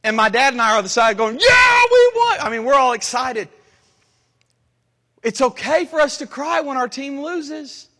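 A pastor in his thirties preaching a sermon, switching between loud shouts and quiet, low asides. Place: church sanctuary. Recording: long reverb of a church hall.

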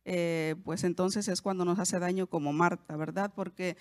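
A woman's voice: on the low side, steady tone, moderate pace, no room sound. A woman, hosting a podcast and teaching the Bible to women in a conversational way, often asking her listeners questions and correcting herself as she goes.

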